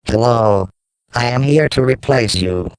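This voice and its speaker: Guy doing a cocky cartoon machine, smooth voice, medium pitch. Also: measured pace, no room sound, lightly acted. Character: cocky rival talking siren machine. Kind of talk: scripted cartoon dialogue.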